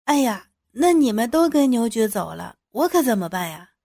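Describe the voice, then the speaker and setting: A woman's voice: on the high side, very animated, moderate pace, dark tone, no echo, clean studio sound. A woman voicing a fawning crude male sidekick. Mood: sleazy. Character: crude young male hanger-on, flattering and lewd.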